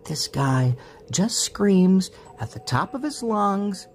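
A woman reading a story aloud in a dramatic, expressive way. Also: medium pitch, slow, slight background noise. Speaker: story narrator.

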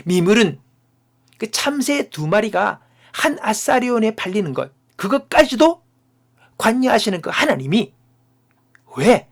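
A man preaching a sermon as a pastor and closing in prayer, speaking in short emphatic phrases and dropping into hushed whispers. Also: high-pitched. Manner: swings from loud declarations to hushed whispers; slow, emphatic phrasing broken into short pieces.

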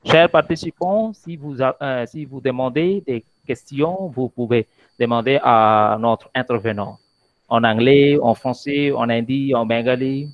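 A man moderating an online session with short, polite interjections to the participants. His voice is mid-pitched. The audio is dull and dry, like a video call. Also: measured pace, dry recording. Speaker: webinar moderator.

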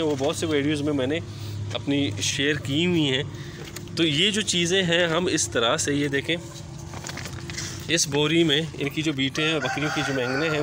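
A man gives a casual, chatty walk-through of his rooftop yard, often repeating filler phrases. He films on a handheld phone camera outdoors. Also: medium pitch. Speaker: poultry vlogger. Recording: outdoor ambient noise.

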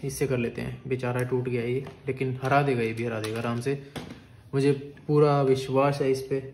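A man giving casual, excitable commentary on toy battles as a video creator, chatting to his viewers. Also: medium pitch, normal speed. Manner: chatty, excitable, calls viewers "bhai" and "guys". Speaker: YouTuber. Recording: echoey room with loud noise.

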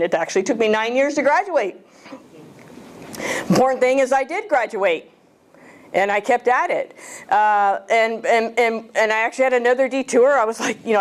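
Slightly high-voiced, a woman in her fifties entertains a club audience as guest speaker with a relaxed, joking talk in a small lecture room. She holds a handheld mic and regularly quizzes the room.

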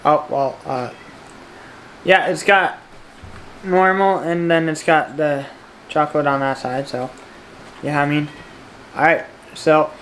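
A woman with a notably low voice hosts a casual taste-test vlog. She talks in an easygoing way, trailing off with fillers. A clear background noise runs under the home recording. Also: fairly even intonation, slow pace, long pauses. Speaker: vlogger.

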